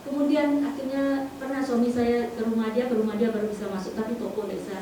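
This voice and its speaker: A middle-aged woman giving a sermon testimony, telling her story in a lively way and acting out the voices of the people in it. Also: on the high side, fast, slight background noise. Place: church hall. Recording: echoey hall from far off.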